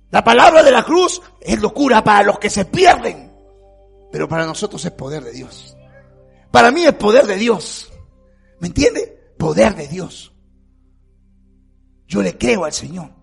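Fervent high-voiced preacher. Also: male voice, gravelly, husky. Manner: fervent, swinging between shouting and near-quiet, asks "me entiende?". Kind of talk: sermon.

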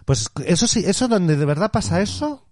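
A man with a mellow, darker tone chats as a podcast guest. He is blunt and wry, with firm opinions. The recording is dry and close. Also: high-pitched, sing-song, moderate pace, no echo. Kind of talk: casual chat.

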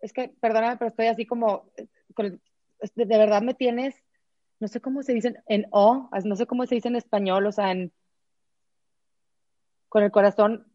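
A woman hosting an interview, sympathetic and quick to affirm what her guest says. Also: fairly high pitch, fairly even intonation, mellow, no room sound, highs cut off. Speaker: podcast host.

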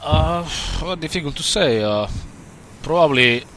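A man from the Basque Country with a Basque accent, conducting a casual interview in a halting, informal way, searching for words. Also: fairly high pitch, lively intonation, sharp tone, slight background noise. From Basque Country, Spain.

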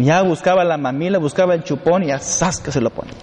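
A man's voice: on the high side, a little fast. A man, a priest giving a sermon in emphatic repeated lists, with humorous storytelling asides. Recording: long hall reverb, faint background noise.

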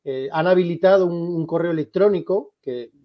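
A man, a lawyer for an association, answers interview questions in a firm, emphatic, insistent way with a husky voice. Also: fairly high pitch, normal speed, highs cut off. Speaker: lawyer for a civil rights association.

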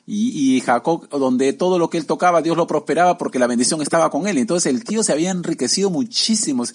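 A man's voice: fairly high pitch, expressive, fast. A man preaching in a casual, conversational way, retelling a Bible story and often asking his listeners tag questions. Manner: conversational, peppered with tag questions, acts out quoted voices.

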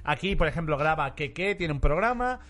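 A man's voice: a little high, expressive, normal speed, fairly bright tone. A man hosting a casual live podcast, talking loosely and rambling as he runs the show. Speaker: podcast host. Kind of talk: casual chat.

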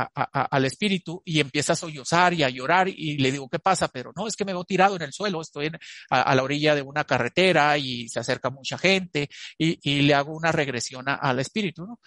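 Man with a slightly high voice. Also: a bit bright, dry recording. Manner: storytelling with frequent fillers and restarts. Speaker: channeling therapist. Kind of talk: recounting cases to an interviewer.

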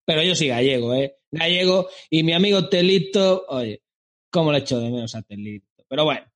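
A man's voice: fairly high pitch, animated, fairly quick, natural voice. A man voicing a boastful, crude and menacing middle-aged Galician drug lord with a put-on Galician Spanish accent, in an improvised podcast comedy sketch. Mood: menacing swagger. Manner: swaggering, crude, threatening.

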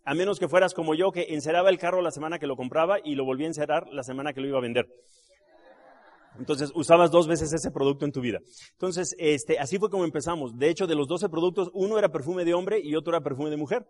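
Speaking a little high and fast, this middle-aged business seminar speaker from Mexico City addresses a live audience. Trained as an actor and voice artist, he tells lively stories, jokes with the crowd, and keeps asking for their agreement with tag questions.

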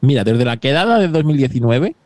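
A man's voice: medium pitch, big pitch swings, a little mellow, no echo. A man co-hosting a casual tech chat, arguing back with jokes. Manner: joking banter, quick to argue back. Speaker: co-host.

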